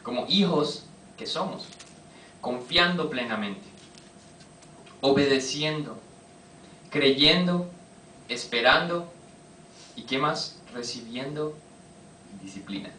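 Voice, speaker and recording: Bright-voiced preacher, echoey hall. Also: male voice, medium pitch, animated, distant mic, a little hiss or hum. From Costa Rica. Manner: engages the congregation with quick rhetorical questions. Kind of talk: sermon. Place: church hall.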